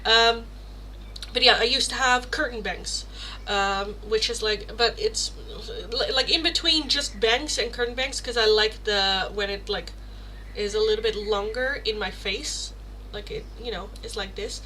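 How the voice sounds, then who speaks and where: Woman, thirties, live-stream host, casual chat, self-mocking, laughs a lot, bright voice, faint background hum. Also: a little high, measured pace, poor audio. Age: 30s. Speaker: tarot livestream host.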